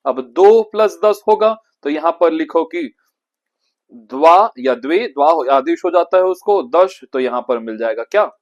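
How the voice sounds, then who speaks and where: A male Sanskrit teacher with a Hindi accent, reciting numbers slowly and carefully so students can copy his pronunciation. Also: fairly high pitch, expressive, lo-fi sound. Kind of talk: classroom lesson.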